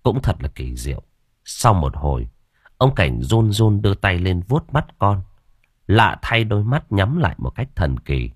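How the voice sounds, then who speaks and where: A male storyteller reading a spooky village tale aloud. His voice is very deep and husky, yet the pitch moves a lot as he tells the story. The recording is close and dry, with no room sound. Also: sing-song, a little slow, no echo. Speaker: audiobook narrator. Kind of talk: dramatic horror story narration.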